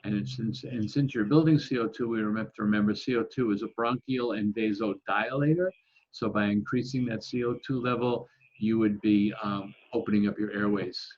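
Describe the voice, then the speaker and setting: A man leading a breathing lesson over a video call, calmly counting the breaths aloud. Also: fairly low pitch, highs cut off. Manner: calm, counting aloud slowly. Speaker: breathing instructor. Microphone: video call microphone.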